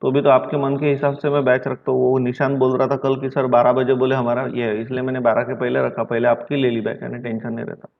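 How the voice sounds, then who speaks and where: A man's voice: mid-range voice, monotone, fast, vocal fry, few pauses. Stern lecturing man, math teacher. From Maharashtra, India. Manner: scolding, repeats himself, mixes English math terms into his talk. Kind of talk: online classroom lecture. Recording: dull lo-fi sound.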